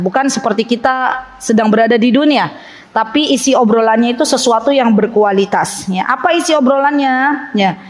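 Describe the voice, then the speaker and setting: A woman religious teacher, giving a lively, playful talk to a women's study group and acting out little scenes. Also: fairly high pitch.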